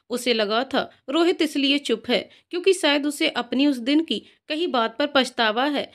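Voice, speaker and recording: High-voiced woman narrating a story.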